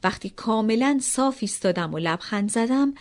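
Lady reading a kids' story aloud, very animated, voice jumps around a lot. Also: on the high side.

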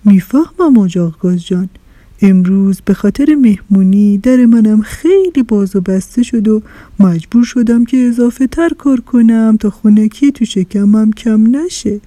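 A woman voicing a kind, caring kitchen fridge in a children's story, with a gentle, reassuring manner. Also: medium pitch, animated, no echo, natural voice. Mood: friendly. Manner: gentle, reassuring, a little louder. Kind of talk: storybook character voice.

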